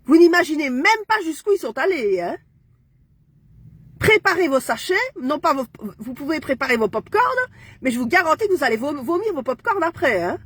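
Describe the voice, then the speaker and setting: A woman's voice: high voice, sing-song, normal speed, a bit bright, dry recording. A woman, ranting furiously on a social media live stream and punctuating her lines with "hein". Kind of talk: angry live-stream rant.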